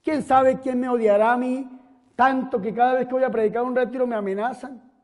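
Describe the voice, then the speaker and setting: Brief: male priest, very high voice, impassioned preaching, long hall echo. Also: steady tone, fairly quick. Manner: fervent, rising to exclamations. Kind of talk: sermon.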